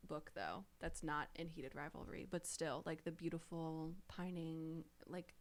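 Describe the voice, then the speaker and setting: A woman co-hosting a podcast, gushing about books in an animated, giggly way. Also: low voice, unhurried. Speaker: podcast co-host. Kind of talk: casual book chat.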